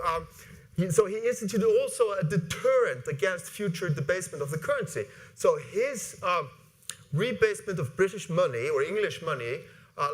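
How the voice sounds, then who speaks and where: A man in his forties from Iceland, giving an animated conference talk from a stage, with many fillers and restarts. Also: high-pitched. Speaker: conference speaker. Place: large conference hall with audience. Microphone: lapel mic.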